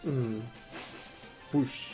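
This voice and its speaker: A man's voice: medium pitch, fairly even intonation, drawn-out words, dark tone, low-quality recording. A man chatting casually as he plays a video game and reads out its lines in a silly, playful manner. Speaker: let's player. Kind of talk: casual gameplay commentary, reading game dialogue aloud. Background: game music.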